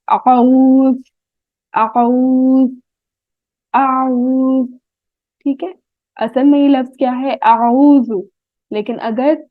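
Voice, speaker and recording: A woman with a Pakistani Urdu accent teaching a tajweed lesson, sounding out Arabic words slowly and often checking "right?" with her students. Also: fairly high pitch, no echo. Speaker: Quran recitation teacher. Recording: tinny phone-like dry audio.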